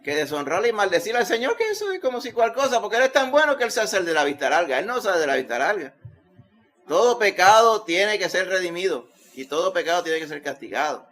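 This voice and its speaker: A male pastor with a Puerto Rican accent delivers a Sunday sermon. His voice sits a touch higher than most men's, and he preaches emphatically, surging louder when he quotes scripture. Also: very animated, fast talker. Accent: Puerto Rican Spanish.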